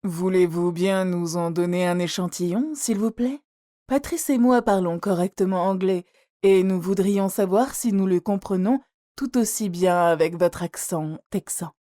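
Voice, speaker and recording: A woman's voice: on the low side, unhurried, dark tone, dry recording, studio quality, close to an everyday voice. A woman voicing a courteous, inquisitive hostess in an audiobook. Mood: curious.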